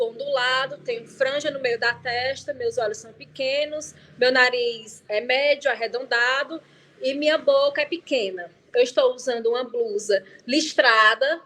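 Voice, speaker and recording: A non-binary presenter with a high, light voice opens an online event over a video call. The introduction is scripted but broken up by small hesitant fillers. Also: sharp tone. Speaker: festival presenter.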